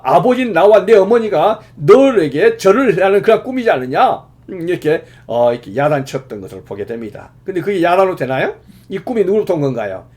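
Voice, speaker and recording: Man, pastor, sermon, lively pitch, slightly high voice, emphatic rises. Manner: explanatory preaching with many fillers, rising emphatically at key points.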